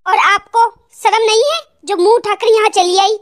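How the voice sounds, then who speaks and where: A voice actor playing a harsh, domineering young husband in an animated family drama. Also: male voice, very high voice, moderate pace. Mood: angry. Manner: harsh, domineering, shouting orders. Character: angry young husband throwing out his mother-in-law. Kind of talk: animated cartoon drama dub.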